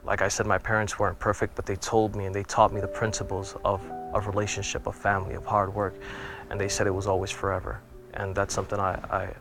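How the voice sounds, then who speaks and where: A man's voice: fairly low pitch, monotone, fast. A man in his thirties from Puerto Rico, an airman telling his life story in an earnest, reflective way. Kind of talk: personal interview testimony. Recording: music playing underneath.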